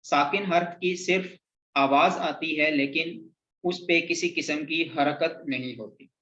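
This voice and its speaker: A man's slightly high, bright voice carries a forceful tone as he teaches Quran reading at a measured pace. He patiently drills one syllable after another, sounding out the letters in a slow recitation lesson. The room echo and dull lo-fi sound are noticeable.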